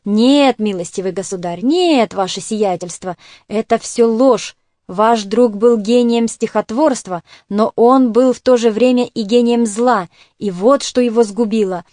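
A wheezing, gouty old clerk, voiced by a woman reading aloud, pleads in a hoarse, agitated rush. He is fearful and fervent, and his voice sits a little high. The sound is dry and close. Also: unhurried, mellow, no echo, natural voice.

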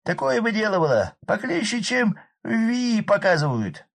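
A man voicing a hoarse, garrulous drunken village man who fusses, crosses himself and rambles excitedly in a storybook. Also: high-pitched, normal speed, pitched above the performer's own voice, full character voice. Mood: agitated fussing. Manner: rambling, excitable, pious muttering. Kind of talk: audiobook character voice.

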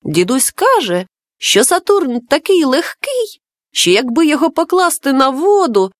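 A woman's voice: high voice, very animated, a little slow, dry recording. A woman voicing a clever, bossy little boy in a storybook reading, eagerly explaining things to his friend.

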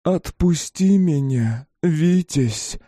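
A man's voice: a little high, lively intonation, extremely slow, dark tone, slightly rough, no room sound, studio quality, pitched above the performer's own voice, heavily acted. A man voicing a young woman possessed by a demon, cold and drawn out.

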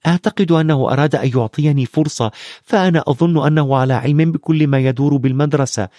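A man's voice: fairly high pitch, a little fast, dark tone, no echo, studio quality, voice pushed up, close to an everyday voice. A man voicing a thoughtful, brave young schoolboy in an audiobook, talking in an earnest, reasoning way. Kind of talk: audiobook character voice.

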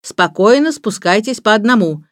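A woman voicing a stern middle-aged gamekeeper who gives gruff commands. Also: mid-range voice, lively intonation, normal speed, dry recording, clean studio sound, pitched above the performer's own voice, lightly acted. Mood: commanding.

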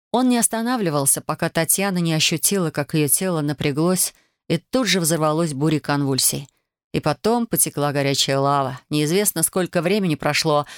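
An audiobook narrator reading a novel in an even, measured way. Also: medium pitch, smooth, no echo, clean studio sound.

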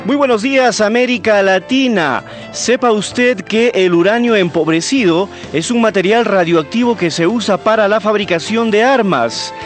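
A man hosting a radio news program, announcing in a brisk, clear scripted manner. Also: high-pitched, music in the background.

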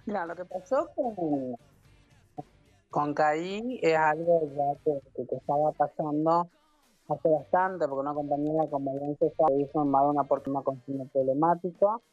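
A woman speaking earnestly, with halting repeats, as an activist interviewed over an echoey speakerphone phone call. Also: low-pitched, dark tone, faint music behind. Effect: echoey speakerphone phone line. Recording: dull lo-fi phone line.

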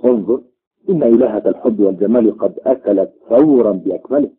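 A man's voice: fairly low pitch, fast talker, slightly rough. A man voicing an astonished giant king who whispers his amazement, on a tinny, phone-like recording. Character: puzzled, gluttony-struck male giant king.

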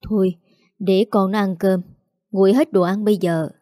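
A woman's voice: mid-range voice, steady tone, moderate pace, mellow, no echo, studio quality, lightly acted. A woman doing a grumbling peasant father. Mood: gruff. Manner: gruff, defensive bickering. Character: grumbling middle-aged peasant father, stubborn.

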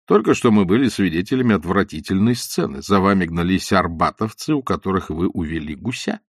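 A man's voice: deep voice, lively intonation, brisk, husky, no room sound, exaggerated voice. A man voicing a suave, ironic con man who gives dry, mocking orders.

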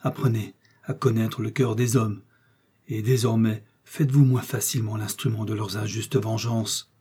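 A man's voice: lowish voice, steady tone, normal speed, warm tone, slightly rough. A man voicing a cunning, seductive noblewoman in an audiobook, declaiming with theatrical passion. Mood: indignant. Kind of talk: audiobook character reading.

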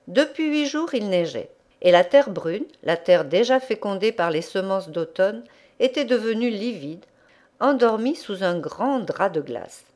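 Lady reading a classic story out loud, very lively voice, storyteller vibe. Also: medium pitch. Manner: expressive storytelling. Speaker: audiobook reader. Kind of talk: literary audiobook narration.

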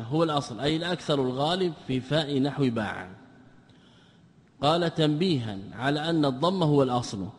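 A man's voice: on the high side, in a large hall. A man giving a classical grammar lesson, often asking his own questions and answering them. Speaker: teacher of Arabic grammar.

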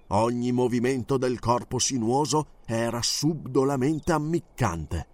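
A man narrating an audiobook in a dramatic, expressive reading. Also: mid-range voice, dry recording.

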